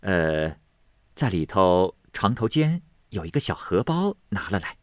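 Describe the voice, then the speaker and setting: A man voicing a brisk, commanding young noble mistress giving orders in a storybook reading. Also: low-pitched, sing-song, no echo, clean studio sound. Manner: brisk, bossy, talkative.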